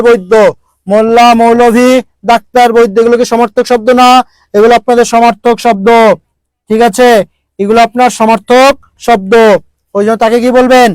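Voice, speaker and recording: A man's voice: extremely high pitch, clear, resonant tone, no room sound. A man teaching an online grammar lesson, repeating words and drilling the class with questions. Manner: repetitive, drilling questions to students.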